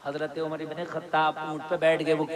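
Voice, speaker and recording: A male preacher telling a religious story in a sermon, dropping to hushed asides and building to shouted climaxes. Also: on the high side, monotone, normal speed. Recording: live gathering with crowd behind. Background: crowd.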